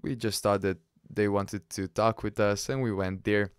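A man hosting a podcast, telling a personal story in a halting, casual way with restarts and soft laughs. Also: lowish voice, fairly even intonation, smooth, no room sound, studio quality. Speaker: podcast host.

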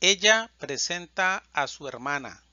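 A man teaching Spanish, reciting verb conjugations in a slow, deliberate drill and stressing each verb form. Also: fairly high pitch, animated, sharp tone, no echo, highs cut off.

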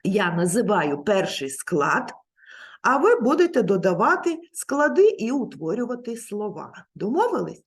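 A woman leads a literacy lesson for small children, gentle and coaxing in manner. She speaks unhurriedly, her pitch rising and falling in a lively, sing-song way. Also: unhurried. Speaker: kindergarten teacher.

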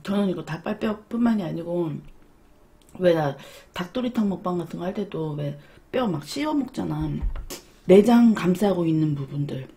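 A woman's voice: lowish voice, animated, normal speed, dark tone. A woman hosting an eating show, chatting casually to viewers with her mouth partly full. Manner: chatty, talking to viewers between bites. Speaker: mukbang host.

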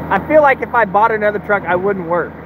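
Animated and fast, a high-pitched man in his thirties rambles casually in a laid-back talking-head vlog recorded inside his truck cab. He runs a truck business and holds his phone at arm's length. The phone audio carries engine noise.

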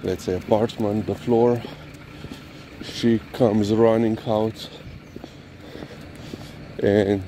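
A man's voice: on the low side, little pitch movement, dark tone. A man chatting casually while walking his dog outdoors at night, filmed on a phone, talking to the viewer and now and then to the dog. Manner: slow, chatty, talks to his dog between remarks. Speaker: dog owner vlogger. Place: city streets at night, outdoors. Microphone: handheld phone camera filming while walking. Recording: faint street and traffic noise.

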